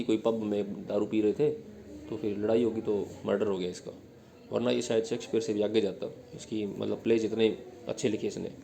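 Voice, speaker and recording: This is a man teaching an exam-prep lecture, explaining one step at a time and questioning his students, with frequent checks of "ठीक है?". His voice is mid-range and a little mellow.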